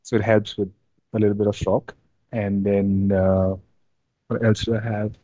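Young guy from india, laid back and hesitant, kinda low dull dry sound. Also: moderate pace, breathy edge, no room sound. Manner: relaxed, hesitant, many fillers and restarts. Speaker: interview guest, amateur drifter. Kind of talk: casual interview chat.

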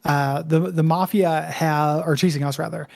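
Creaky, higher-pitched man chatting casually. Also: steady tone, moderate pace, darkish tone. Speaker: co-host of a video game discussion show. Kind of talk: casual chat recapping a game story.

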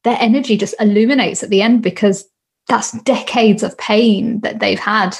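A British woman in her thirties talks earnestly as an interview guest, with a slightly husky, breathy voice. She leans on her points and repeats phrases for emphasis, laughing easily between thoughts. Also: mid-range voice, steady tone, normal speed. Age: 30s. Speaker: guest, healing coach. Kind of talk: casual interview chat.

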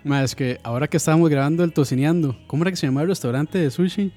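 A man co-hosts a casual podcast and tells stories in a relaxed way. His voice sits on the high side, with faint music in the background. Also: very fast. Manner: laid-back storytelling, says ma often. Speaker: podcast co-host. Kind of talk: casual chat.

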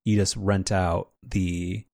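A man's voice: sits low, flat delivery, slow, vocal fry, darkish tone, dry recording. A man co-hosting a podcast, rambling casually with restarts and dry sarcasm. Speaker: podcast co-host.

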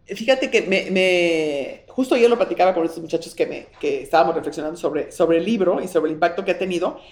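Fast-talking Mexican woman in an echoey room. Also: fairly low pitch. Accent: Mexican Spanish. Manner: warm, effusive and reflective, with many restarts. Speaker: guest, businesswoman and author. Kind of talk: casual interview chat.

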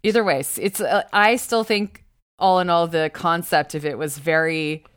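A woman's voice: lowish voice, normal speed, clean tone, no echo, studio quality. A woman co-hosting a casual chat, opinionated and playful. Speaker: podcast co-host.

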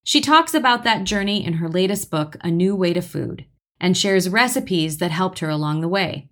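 A woman host reads a scripted introduction in a smooth, measured way. Her voice sits a little low, and her delivery stays steady throughout. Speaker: event host.

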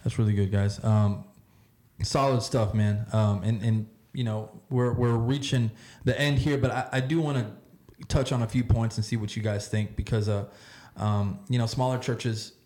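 A man hosting a casual round-table discussion, speaking haltingly and often repeating words as he works toward his point. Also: fairly low pitch, fairly even intonation, a little mellow. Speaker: podcast host and church leader. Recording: roomy, echoey sound.

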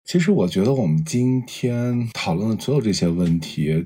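A man interviews in a conversational podcast style. His voice is deep and dark, with a strongly husky, breathy grain.

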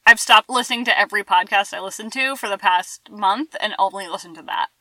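A woman's voice: mid-range voice, a little fast, sharp tone, dry recording. A young adult woman co-hosting a podcast, wry and giggly, with a slight lisp from dental aligners. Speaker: podcast co-host. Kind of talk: casual sarcastic chat.

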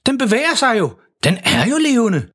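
A man voicing a bumbling, cheerful father in a children's storybook, speaking loudly and excitably in a raised voice. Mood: amazed. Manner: loud, excitable, raised pitch. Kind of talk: storybook character voice.

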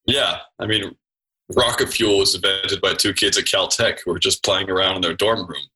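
A man's voice: low voice, fairly even intonation, normal speed, sharp tone, low-quality recording. A man hosting a podcast interview, chatty and enthusiastic. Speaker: podcast host.

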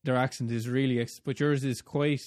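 A man with a mid-pitched voice hosts a laid-back interview. He talks in a friendly, chatty way and laughs easily between questions. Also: steady tone, fairly quick, a little mellow. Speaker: interview host. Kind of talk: casual interview chat.

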